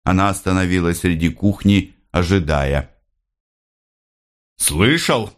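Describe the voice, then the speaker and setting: A man narrating a classic novel in a measured, expressive reading. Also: rumbling low. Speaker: audiobook narrator. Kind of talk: scripted literary narration.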